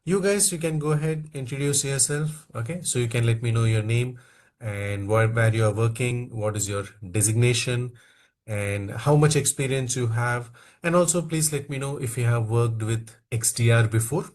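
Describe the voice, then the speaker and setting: An instructor from India runs an online training class, peppering his phrases with "okay" and coaxing quiet participants to speak up. His voice is medium-pitched and his pace moderate.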